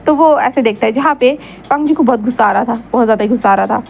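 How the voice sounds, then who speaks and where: A woman's voice: a little high, quick pace, creaky, a little mellow, slight background noise. A woman narrating a fan story aloud in a chatty way, with repeats and asides to her listeners.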